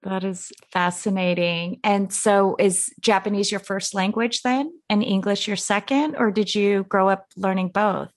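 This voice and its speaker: A woman's voice: medium pitch, fairly even intonation, unhurried, few pauses. A woman co-hosting a podcast and asking curious, enthusiastic questions. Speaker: podcast co-host. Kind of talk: podcast interview.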